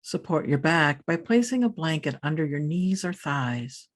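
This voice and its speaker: With a deep voice, a woman who teaches meditation leads a scripted session. Her delivery is calm, soothing and measured, and she pauses between phrases.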